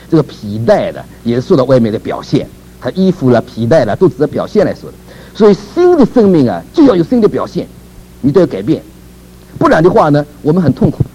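A man's voice: fairly high pitch, dark tone, highs cut off, a little hiss or hum. A man preaching a sermon in a conversational way, asking rhetorical questions, chuckling and repeating words.

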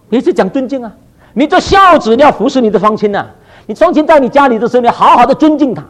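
A male preacher with a strikingly high voice that swings widely in pitch as he delivers a sermon. He keeps firing rhetorical questions at his congregation and drops in short English phrases. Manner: animated, full of rhetorical questions to the listeners.

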